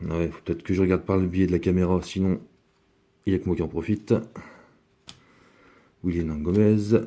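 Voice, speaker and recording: Man, deep dark voice, casual unboxing chat, rambling, lots of fillers. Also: steady tone, moderate pace. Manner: rambling, chatty, many fillers. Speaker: card collector opening a box.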